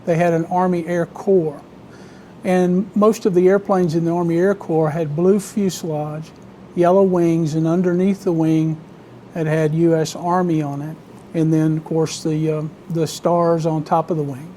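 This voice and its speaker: A man with a Southern US accent from Alabama, telling stories conversationally as an interview guest, in a halting, measured way with frequent pauses. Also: on the high side, level tone, warm tone, a little hiss or hum. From Alabama, United States. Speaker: interview guest, vintage biplane owner and pilot.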